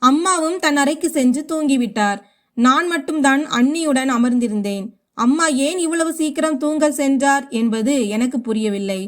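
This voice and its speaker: A woman reading a first-person drama story aloud in steady scripted narration. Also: sits high.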